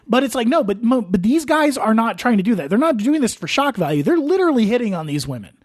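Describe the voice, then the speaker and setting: A man's voice: extremely high pitch, big pitch swings, fast, no echo, clean studio sound. A man hosting and producing a casual podcast, rambling through stories full of restarts and fillers.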